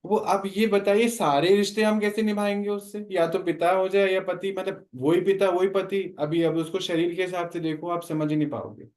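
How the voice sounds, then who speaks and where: A man's voice: high voice, flat delivery, normal speed, few pauses, a little mellow. A man teaching a spiritual class, explaining and often asking his listeners questions.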